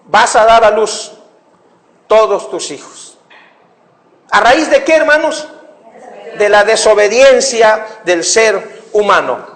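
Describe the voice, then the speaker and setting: A man preaching a sermon to his congregation, repeating his points for emphasis and calling them brothers. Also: extremely high pitch. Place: church.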